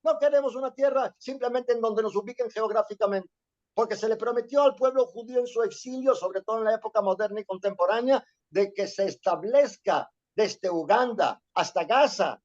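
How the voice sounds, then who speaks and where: A Venezuelan man gives a history lecture, often checking in with a questioning "¿sí?" and repeating himself as he searches for words. His voice is high-pitched with a darkish tone at normal speed, and the recording has a dull lo-fi sound.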